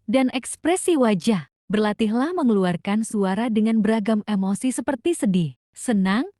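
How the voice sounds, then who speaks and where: A woman narrating a nonfiction audiobook in a calm, even, instructive reading style. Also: on the high side, dry recording, clean studio sound.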